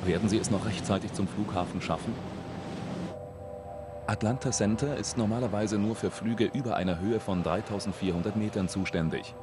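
A man giving serious, measured scripted narration for a documentary. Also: on the low side. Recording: voice-over with music behind.

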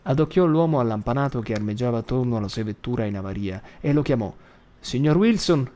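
Man reading a novel aloud for his audiobook channel, calm, measured, even pace. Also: mid-range voice. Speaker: audiobook reader. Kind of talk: literary audiobook narration.

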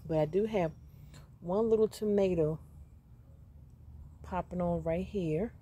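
A woman's voice: fairly low pitch, warm tone, slight background noise. Chatty woman touring her garden outdoors. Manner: upbeat and grateful, chatty with many pauses and fillers. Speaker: home gardener giving a garden tour. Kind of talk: casual walk-through narration. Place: outdoor container garden on gravel. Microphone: phone camera held close while filming plants.

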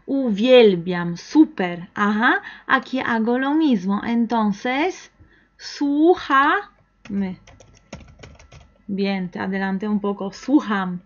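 A woman teaching an online language lesson, who talks slowly and patiently and waits for the learner to answer. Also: mid-range voice, animated. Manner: slow, patient, encouraging, with pauses for the learner to answer. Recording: dull, lo-fi recording.

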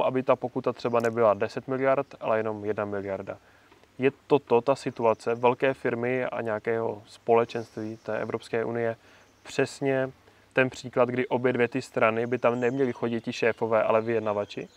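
A man interviewing a guest, asking calm, long questions and giving short agreeing remarks. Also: mid-range voice.

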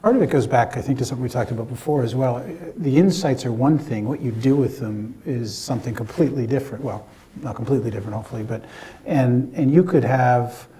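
A man's voice: mid-range voice, fast, dark tone, a little hiss or hum. A man speaking as a panelist in a lecture hall, reflective and correcting himself as he goes. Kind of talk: panel discussion.

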